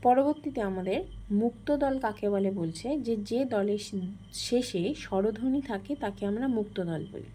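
A woman's voice: medium pitch, normal speed, warm tone, a little hiss or hum. A woman teacher explaining a grammar lesson step by step, asking questions and answering them.

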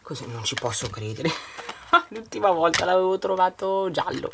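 Chatty woman with a gravelly voice. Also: fairly low pitch, big pitch swings, moderate pace. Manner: chatty, talks to viewers while working with hands. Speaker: vlogger. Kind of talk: casual planner vlog with unboxing. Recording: home recording with background noise and clicks.

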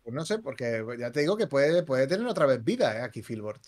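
A man co-commentating live poker, calmly working through hands and odds. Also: mid-range voice, fairly quick.

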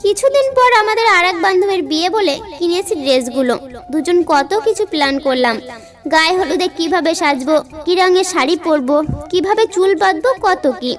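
A woman narrating a dramatic first-person story, getting emotional and rising high and loud when she voices the dialogue. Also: lively intonation, moderate pace, soft background music.

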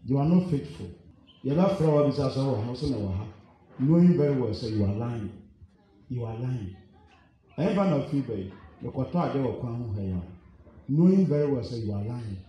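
A man's voice: mid-range voice, lively intonation, fairly quick, dark tone. A man preaching a sermon as pastor, hammering the congregation with rhetorical questions. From Ghana. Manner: preaching, rhetorical questions, mixing English and Twi. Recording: echoey church hall.

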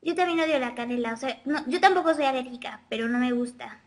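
Webcam host, woman, high girlish voice, chatty and quick. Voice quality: childlike girlish voice. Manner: chatty, girlish, reads out and answers viewer comments. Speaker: vlogger answering viewer questions live. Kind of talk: casual webcam live chat. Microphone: webcam mic.

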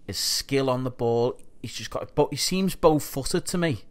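A man's voice: mid-range voice, normal speed. A man co-hosting a podcast, chatting casually about football and putting questions to his co-host.

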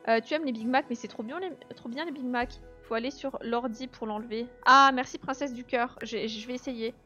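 A woman's voice: on the high side, steady tone, a little fast, highs cut off, soft background music. A woman giving casual live gameplay commentary, chatty and laughing often as she answers her chat. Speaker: let's play streamer.

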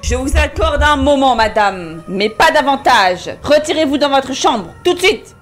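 A cruel, menacing husband barks cold orders in a fairly high voice, as a woman storyteller plays him. He speaks slowly and deliberately, with faint music behind. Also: lively intonation.

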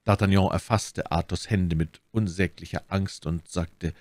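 Low-voiced male audiobook narrator. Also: no echo. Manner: measured and expressive. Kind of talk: dramatic audiobook reading.

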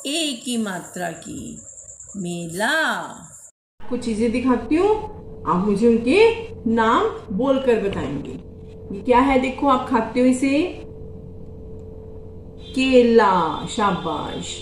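A woman Hindi teacher at a primary school, fairly high-pitched and very animated, reads a lesson to young children syllable by syllable with long vowels. She calls herself "ma'am" and the kids beta. The echoey recording has a little hiss or hum.

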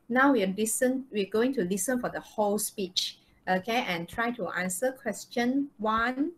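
Speaking in a fairly bright, somewhat high voice, a Malaysian-accented English teacher runs a live lesson indoors on an online video call. The audio is poor. She keeps asking checking questions and tagging her sentences with "okay" and "right."

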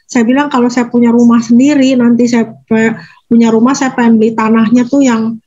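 A woman's voice: on the high side, level tone, warm tone. Rambling woman guest, lo-fi sound. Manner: rambling, halting, corrects herself mid-sentence. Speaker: interview guest. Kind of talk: casual conversational interview.

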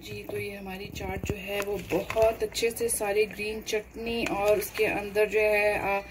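A woman explains a home recipe step by step, unhurried and full of fillers. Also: medium pitch, noisy background. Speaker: cooking channel host. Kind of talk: home cooking demonstration voice-over.

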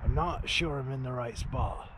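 This casual fishing vlog features a laid-back man in his forties with a medium-pitched voice at normal speed, speaking outdoors on a riverbank to an action camera held close or set nearby. Wind and ambient sound come through, he says "man" and "dude" a lot, and he turns excitable whenever he lands a fish.

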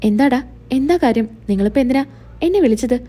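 A woman's voice: on the high side, expressive, quick pace, warm tone. A woman voicing a bitter young husband who speaks bluntly.

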